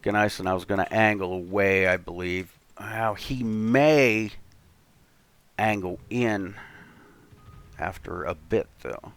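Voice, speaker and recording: A man's voice: lowish voice, slow pace, fairly bright tone. A man giving casual game commentary, thinking aloud in a chatty, unscripted way, with an audible hiss from an open computer case. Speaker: streamer playing a naval warship game.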